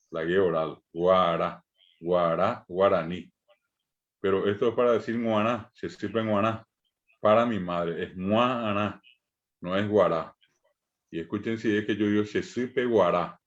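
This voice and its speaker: A middle-aged man with a Paraguayan Spanish accent teaching a language class, patiently repeating example words, often pausing on "eh". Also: deep voice, dull audio.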